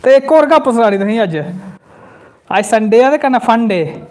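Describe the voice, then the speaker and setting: A man's voice: very high-pitched, moderate pace. A man with a Dogri accent from Jammu, telling a comic story on a live stream and reading out viewer comments. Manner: animated storyteller, bursts into quoted voices. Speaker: comedy channel host.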